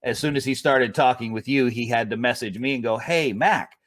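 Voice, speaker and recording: A man's voice: medium pitch, fairly quick, a bit bright. A man co-hosting a podcast, chatting in a jokey, playful way. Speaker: podcast co-host. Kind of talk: casual podcast chat.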